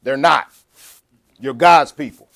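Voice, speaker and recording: A man preaching a sermon, conversational, shifting between quiet asides and loud, slow scripture reading. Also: mid-range voice, vocal fry. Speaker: pastor.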